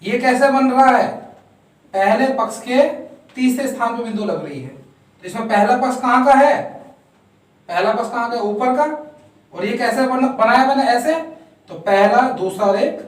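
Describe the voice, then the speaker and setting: A man's voice: very high-pitched, normal speed, pauses often. A man teaching a shorthand lesson step by step, counting out strokes and answering his own questions. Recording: very echoey room, voice far from mic.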